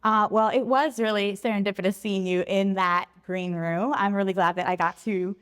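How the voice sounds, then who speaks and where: A woman in her thirties, a travel blogger raised in Philadelphia and born in Puerto Rico, telling her story in a clear, articulate podcast interview. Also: medium pitch, steady tone, moderate pace, a bit bright, big-room sound.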